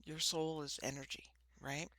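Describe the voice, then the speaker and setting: A woman with a low voice and a slushy lisp on her s sounds talks informally to camera as a spiritual host. She speaks in short, halting phrases. The sound is close and dry. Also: level tone, sharp tone, dry recording. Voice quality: lisping, slushy sibilants from ill-fitting dentures. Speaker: host of a spiritual card-reading channel. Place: small room.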